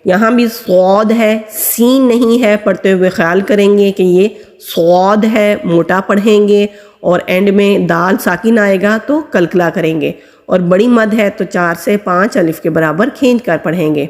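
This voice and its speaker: This woman's voice is medium in pitch with a darkish tone, heard in long hall reverb. She patiently walks through a Quran recitation lesson, explaining each letter's pronunciation and lengthening the sounds as she recites.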